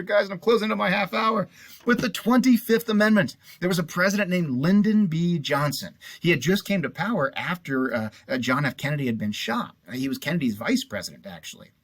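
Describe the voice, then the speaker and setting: Husky-voiced man teaching casually. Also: medium pitch, no echo. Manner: chatty, repeats mnemonic rhymes, lots of fillers. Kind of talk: casual classroom lecture.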